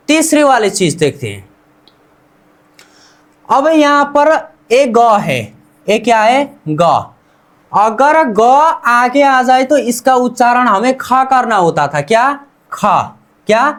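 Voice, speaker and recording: A teacher leading a beginner language lesson in a slow, deliberate way, repeating each syllable and asking "what?" before answering. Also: medium pitch. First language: Hindi. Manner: repeats each syllable several times for practice.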